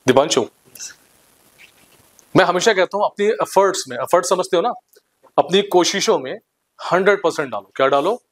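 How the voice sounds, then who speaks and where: A young man leads a live seminar for a hall of students, with a somewhat high voice. He is energetic and teasing, barking orders at the crowd and poking fun at their answers. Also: normal speed, pauses often. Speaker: motivational speaker.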